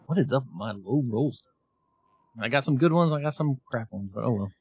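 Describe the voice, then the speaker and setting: A man's voice: mid-range voice, animated, fairly quick, darkish tone, slightly rough. A man playing a tabletop game, talking plainly and earnestly, partly in character. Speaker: player. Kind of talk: casual tabletop play, speaking in character.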